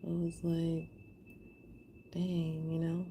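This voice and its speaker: An artist from Houston, Texas, hosts a live art stream, chatting casually with viewers while she makes art. This American woman talks slowly in a low, mellow monotone, affectionate and appreciative, addressing viewers directly, with slight background noise.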